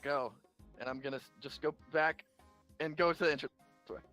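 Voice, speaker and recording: A man with a fairly high voice plays his turn at a tabletop game. He thinks aloud and restarts his sentences as he goes. Faint music sits in the background. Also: steady tone, brisk, pushed and bright. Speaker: player. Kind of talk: casual tabletop play.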